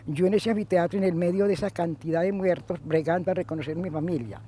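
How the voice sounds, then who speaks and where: A man's voice: high-pitched, fast talker, dark tone, a little hiss or hum. A man giving pained, emphatic testimony about identifying his family. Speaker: bereaved father interviewee. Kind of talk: emotional testimony.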